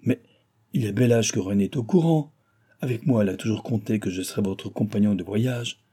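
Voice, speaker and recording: A man voicing a proud, calm aircraft engineer who lays out his plans in long, measured sentences. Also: on the low side, slightly rough. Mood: reassuring.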